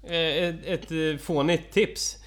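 A man's voice: fairly high pitch, steady tone, fairly bright tone. A man co-hosting a podcast in casual chat, joking and swearing casually, with many fillers. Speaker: podcast co-host.

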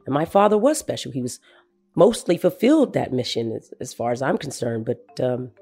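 A man telling the story of his late father in a measured, soft-spoken, reflective narration. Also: medium pitch, expressive, slightly rough, faint music behind.

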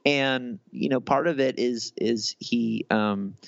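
Gravelly-voiced man in his thirties. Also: mid-range voice, slow, no echo, highs cut off. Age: 30s. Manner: rambling, many restarts and fillers. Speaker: guest author. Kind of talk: casual interview conversation.

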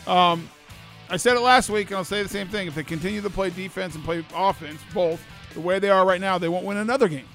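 A man's voice: high voice, fast talker, a bit bright, faint music behind. A man giving blunt, casual opinions as a panelist on a sports show.

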